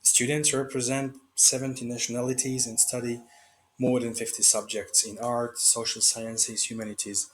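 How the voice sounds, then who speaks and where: A man from Hungary speaks, presenting his research project. His voice sits in a middle register, and he talks in a measured way, pausing on hesitations. A faint background hum runs underneath. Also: medium pitch, flat delivery, fairly bright tone, poor audio. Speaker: researcher at a migrant aid group.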